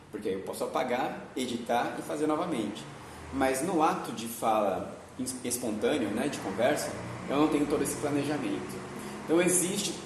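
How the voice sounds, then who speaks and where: A man with a Brazilian accent giving a video lesson as a Portuguese teacher, explaining patiently and often adding tag questions. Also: mid-range voice. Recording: very echoey room, voice from far off, faint noise.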